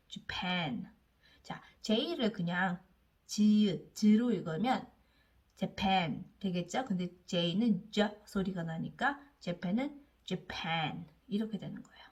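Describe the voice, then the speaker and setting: A woman teaching English reading, sounding out each letter slowly and coaxing learners to repeat words after her. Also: medium pitch. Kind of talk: slow phonics lesson for learners.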